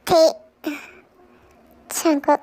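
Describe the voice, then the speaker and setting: A woman's voice: drawn-out words, a little mellow, no echo. A woman voicing a caring middle-aged mother-in-law who fusses anxiously, in a fan audio drama dub. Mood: fussing. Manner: fussing and anxious.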